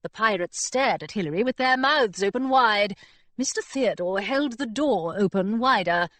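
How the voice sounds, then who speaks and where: A woman narrating a children's adventure audiobook in an expressive storytelling manner, close to the mic. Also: normal speed, dry recording. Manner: expressive storytelling with lively pitch. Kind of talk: scripted narration.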